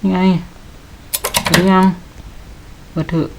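A man playing a horror game, swearing a lot and yelping when startled, sometimes reading game text aloud slowly. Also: background noise. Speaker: gamer.

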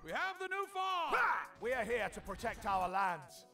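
A man's voice: extremely high pitch, sing-song, normal speed, full character voice. An actor playing an earnest male unit in a strategy game, declaring short responses. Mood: determined. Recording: game audio with music behind.

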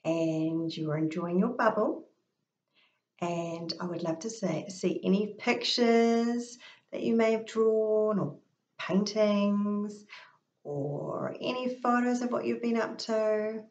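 A woman, a teacher, reading a picture book aloud to children with expressive gasps and sing-song chants. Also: medium pitch, takes it slowly, echoey room, dull audio. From New Zealand. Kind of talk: storybook read-aloud for kids.

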